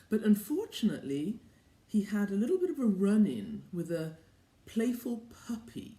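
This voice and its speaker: A woman presenting a story to children, speaking straight to them in simple questions with deliberate, emphatic phrasing. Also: on the low side, warm tone. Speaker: host of a children's story and lesson show. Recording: roomy echo.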